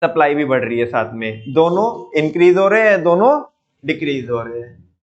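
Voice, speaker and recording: A man's voice: a little high, expressive, moderate pace. A male teacher giving an online economics lecture in a playful, teasing way, constantly asking his students questions. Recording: dull lo-fi sound.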